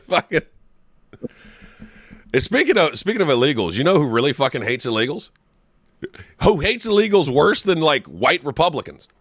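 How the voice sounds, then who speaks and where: A man's voice: a little high, very animated, moderate pace, long pauses, no room sound, studio quality. A man co-hosting a comedy podcast, ranting with heavy swearing and frequent laughter. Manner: loud, swearing, laughing rants. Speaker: podcast co-host. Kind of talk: profane comedic banter.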